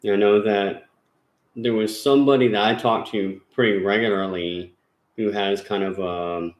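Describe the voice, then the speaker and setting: Chatting casually at home, a man who hosts a paranormal investigation channel rambles with plenty of fillers and restarts. His voice sits fairly low with a steady tone at normal speed, and the room gives it a roomy echo.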